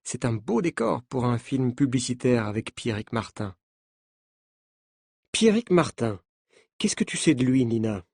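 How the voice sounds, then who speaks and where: Slow, clear male audiobook narrator. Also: medium pitch, animated, darkish tone, no room sound, studio quality.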